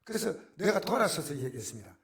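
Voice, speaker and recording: A middle-aged male pastor, preaching a sermon that swings from hushed near-whispers to loud exclamations. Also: fairly high pitch, very animated, fast, vocal fry.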